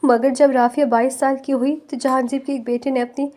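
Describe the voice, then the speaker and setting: A woman's voice: sits high, little pitch movement, darkish tone, natural voice. A woman voicing a desperate middle-aged mother who tearfully tells her story in an audio novel. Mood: mournful. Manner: tearful, pleading.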